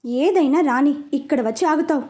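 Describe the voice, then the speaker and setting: A woman voicing a blunt, sharp-witted young gang leader who talks in curt, dry, clipped statements in a storybook reading. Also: very high voice, brisk.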